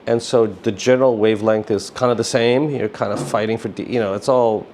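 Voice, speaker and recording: Speaking as an interview guest, a middle-aged man who founded a business rambles casually, peppering his speech with "you know" and "like." His voice is lowish, steady and darkish, a little fast, with slight background noise.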